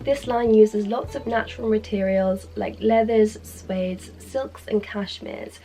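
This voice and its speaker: With faint music behind her and poor audio, a British fashion video creator speaks slowly with vocal fry. Her mellow, medium-pitched voice keeps a fairly even intonation, yet sounds strained and sick from a sore throat as she presents an upbeat, scripted, informal guide to camera.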